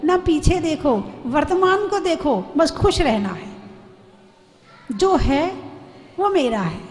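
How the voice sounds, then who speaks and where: High-voiced woman preacher in an echoing hall. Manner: storytelling, asks the audience questions. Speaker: Jain nun preacher. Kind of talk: devotional sermon. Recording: long hall reverb.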